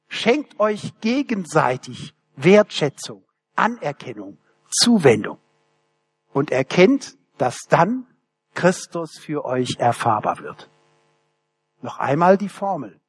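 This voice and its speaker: An older man preaching a sermon, emphatic, with ironic asides and slowed words for stress. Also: on the high side, slightly rough. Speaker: preacher and theology lecturer.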